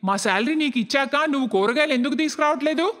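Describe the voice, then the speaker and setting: A woman's voice: high voice, lively intonation, fast talker, fairly bright tone, in a large hall. A woman voicing a fed-up adult son who grumbles in a cartoon story. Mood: grumbling.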